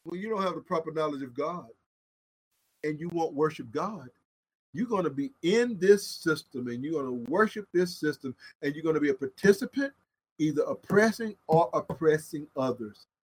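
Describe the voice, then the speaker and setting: A man preaching a fiery sermon on a psalm, swinging from hushed asides to drawn-out shouted emphasis in a repetitive, driving cadence. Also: a little high, animated, slightly rough.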